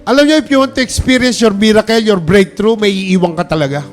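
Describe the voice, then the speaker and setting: A man's voice: high-pitched, brisk, faint music behind. A pastor preaching a sermon, calling out to the congregation and mixing English phrases into his talk. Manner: preaching with call-and-response, urging applause.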